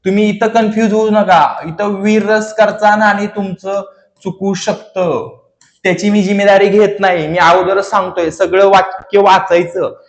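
A young man teaching an exam-prep grammar lesson in a casual, chatty way, with joking, self-mocking asides. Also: high-pitched. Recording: echoey room.

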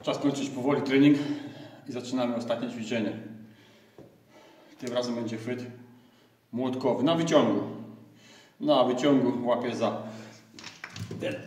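A man's voice: mid-range voice, a little slow, long pauses, slight background noise. A middle-aged man talks through his workout in a small home gym, upbeat and chatty. He is picked up by a camera mic set back from him, so his voice sounds a little distant. The hard walls give it a roomy ring. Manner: chatty, upbeat, breaks off with loud exclamations between sets. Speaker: fitness vlogger. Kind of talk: casual workout vlog.

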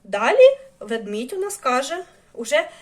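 A woman's voice: high-pitched, big pitch swings, unhurried, darkish tone, echoey room, distant mic. A woman music teacher talking to young children, asking coaxing questions and reciting a nursery rhyme.

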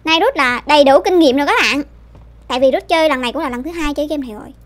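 A woman's voice: high voice, racing. A woman hosting a let's-play, chatting casually to viewers and a friend as she plays. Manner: chatty, addresses viewers directly. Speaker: gaming channel host.

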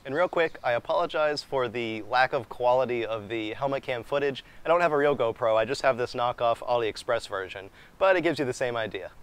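An American man in his thirties presents a scripted review in the manner of an online explainer. His voice sits at a middling pitch for a man. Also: a little fast, hardly any pauses, smooth. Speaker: vlogger and product reviewer.

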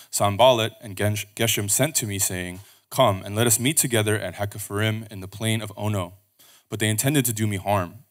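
A man reading scripture aloud at a pulpit microphone in a church service, steady and measured. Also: on the low side.

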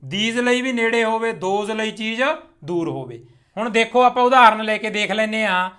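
An animated young male teacher from Punjab, high and bright of voice, teaches spoken English through Punjabi explanations. He is patient and explains clearly, step by step. For example sentences, he slows right down and models them deliberately.

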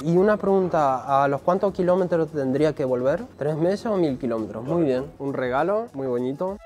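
A man's voice: a little high, animated, moderate pace, music in the background. A man in his thirties, vlogging with enthusiasm as he shows off his new motorcycle at a dealership, filmed close up on a handheld camera. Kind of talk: casual vlog. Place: motorcycle dealership showroom, indoors and on the street outside.

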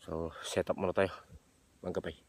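A young man filming himself while spear-fishing outdoors, talking to his viewers in short, excited bursts. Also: deep voice, moderate pace. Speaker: fishing vlogger. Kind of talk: casual commentary while hunting fish. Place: outdoors in a thicket of bamboo by a pond. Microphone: action camera worn on the body. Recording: faint outdoor noise with insects.

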